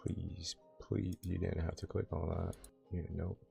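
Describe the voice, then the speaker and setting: A man's voice: sits low, flat delivery, unhurried, vocal fry, dark tone, soft background music. A young man streaming a game, chatting casually with his viewers in a laid-back, slangy way. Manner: laid-back, slangy, talks to chat and himself. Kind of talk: casual live-stream chat.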